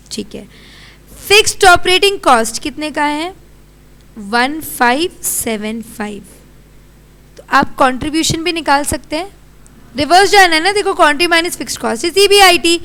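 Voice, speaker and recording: A young Indian woman lectures a classroom in a high, bright voice. She quizzes her students in a brisk, scolding way. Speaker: teacher.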